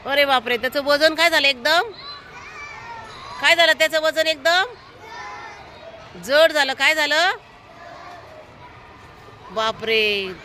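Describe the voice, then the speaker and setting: With traffic noise drifting in from outside, a woman teaching young children at school narrates a story, coaxing answers through constant questions and offering firm but encouraging direction. Her voice is high-pitched, pushed, and bright, with slight background noise.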